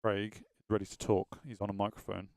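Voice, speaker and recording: Gravelly man in casual chat. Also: lowish voice, level tone, brisk, darkish tone, dry recording, studio quality. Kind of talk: casual off-the-cuff crew chat.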